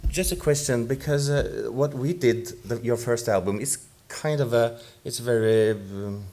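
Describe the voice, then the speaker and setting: Guy on a seminar panel, medium voice, thinking out loud. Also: mid-range voice, unhurried. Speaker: musician, panel guest.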